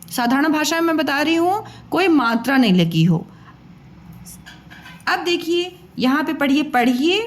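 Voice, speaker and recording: Lively high-voiced woman teaching children. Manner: patient, coaxing, calls listeners beta and bachche, repeats sounds slowly. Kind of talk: Hindi lesson for children.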